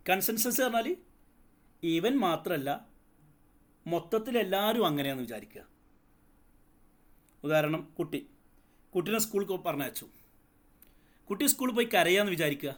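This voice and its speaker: A man teaching a psychology lesson, explaining step by step, asking the class questions and mixing in English terms. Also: high-pitched. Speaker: psychology tutor. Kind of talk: lecture.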